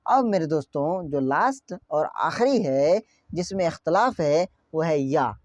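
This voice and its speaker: A man's voice: a little high, lively intonation, measured pace, a little mellow, dry recording. A man teaching an online grammar lesson, stretching out example words and asking his students questions again and again.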